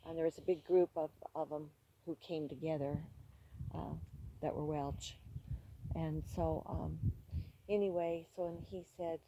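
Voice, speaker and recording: A sweet older woman, a grandmother, casually reminiscing about family in a halting way, on a noisy amateur recording. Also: sits low, steady tone.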